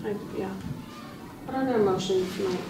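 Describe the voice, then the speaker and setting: With music in the background, a teacher at medium pitch and moderate pace rehearses a read-aloud lesson alongside colleagues, encouraging them by echoing their answers to her questions. It's an echoey indoor room with a group, a distant mic and faint noise.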